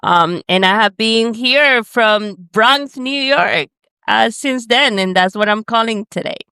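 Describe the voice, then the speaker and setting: Smooth-voiced woman from the Dominican Republic. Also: on the high side, slow, bright, forceful tone, no echo. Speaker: podcast guest. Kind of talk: casual interview answers. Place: home in the Bronx, calling in.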